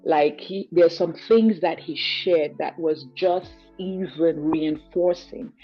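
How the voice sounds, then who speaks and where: Low-voiced woman from Cameroon, earnest. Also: slow pace, lo-fi sound, faint music behind. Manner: earnest, reflective, leans on "you know". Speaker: guest giving a client testimonial. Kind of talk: conversational interview over a call.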